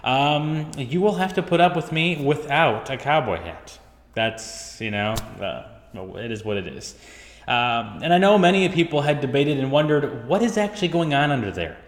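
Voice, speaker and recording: A man's voice: on the high side, sing-song, normal speed. A man hosting a casual tech news recap, chatty and joking at his own expense, recorded in an empty house with a big, hall-like echo. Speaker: show host. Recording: echoey empty house with long reverb.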